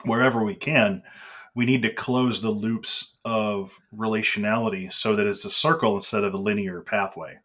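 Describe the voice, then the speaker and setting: A man's voice: fairly low pitch, fairly even intonation, normal speed, a bit bright. A man in a casual podcast conversation, talking in an earnest, reflective way.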